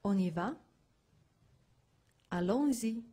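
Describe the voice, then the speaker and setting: Female, mid-pitch, mellow husky voice, slow gentle lesson dialogue reader. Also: lively intonation. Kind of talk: scripted textbook dialogue.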